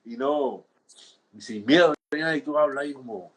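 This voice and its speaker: Husky Cuban man in his sixties. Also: mid-range voice, a little slow. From Cuba. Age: 60s. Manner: animated storytelling, acts out quoted guards, frequent restarts and "¿entiendes?". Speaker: interviewee, former political prisoner. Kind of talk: conversational interview storytelling.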